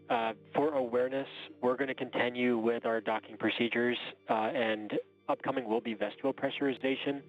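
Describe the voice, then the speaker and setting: A man working as a mission control communicator, giving formal technical instructions over a radio link. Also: mid-range voice. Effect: radio transmission. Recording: tinny phone-like radio link, faint music.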